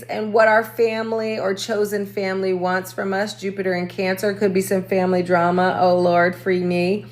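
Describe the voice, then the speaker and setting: A woman from the United States giving a casual horoscope reading as a channel host. She talks in a chatty way with quick joking asides, and her voice is cracking. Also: on the high side, fairly bright tone.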